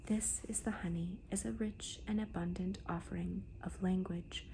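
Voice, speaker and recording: A woman speaking in a hushed, breathy whisper in a soft-spoken ASMR book talk, with deliberate, gentle pauses between phrases. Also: fairly low pitch, steady tone, poor audio. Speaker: host of a book haul video. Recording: noticeable background noise.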